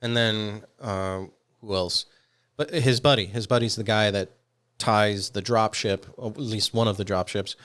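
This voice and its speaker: A man's voice: fairly low pitch, fairly even intonation, measured pace, fairly bright tone. A man co-hosting a podcast in casual chat, rambling with frequent ums and uhs. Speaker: podcast co-host.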